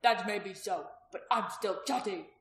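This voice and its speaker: A woman's voice: mid-range voice, normal speed, close to an everyday voice. A woman reading the part of a blunt, hardened former gladiator who speaks curtly and dryly, in a storybook reading. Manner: curt, dry, firm. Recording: roomy echo.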